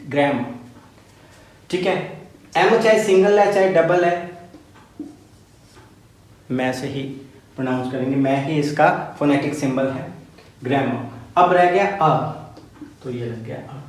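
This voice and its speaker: A man's voice: a little high, far from the mic. A male teacher patiently explaining phonetic symbols step by step, often checking in with the class. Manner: patient, repetitive, checks in with "ok, clear?". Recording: very echoey room, voice a bit off-mic.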